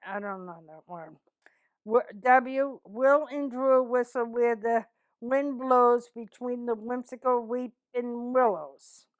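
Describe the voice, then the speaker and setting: The interviewee is a woman in her seventies, born of East Boston, Massachusetts, USA, whose Boston accent comes through as she reads test sentences and answers questions. She sounds fairly high, slow and smooth, and keeps her replies plainspoken, short and blunt. The recording is dry.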